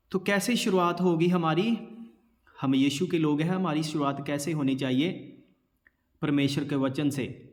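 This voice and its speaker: A man delivers a slow, measured sermon as a pastor, posing rhetorical questions and answering them himself. His voice sits a little high for a man, and it rings out with a long reverb tail, as if in a large hall.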